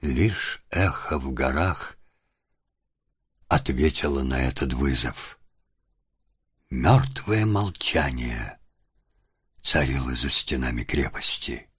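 Deep, slow male audiobook narrator. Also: a bit bright, breathy edge, no room sound, studio quality. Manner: measured, dramatic storytelling.

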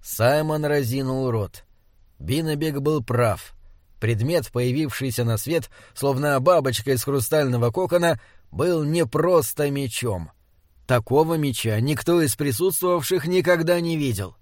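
A man narrating an audiobook in a measured, descriptive way. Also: mid-range voice, darkish tone, no echo, studio quality.

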